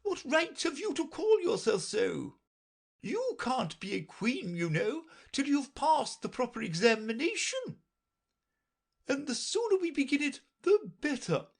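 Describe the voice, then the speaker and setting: A woman voicing a stern, bossy queen who scolds sharply and loudly. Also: sits high, very animated, unhurried, vocal fry, husky, pitched above the performer's own voice, full character voice. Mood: imperious scolding.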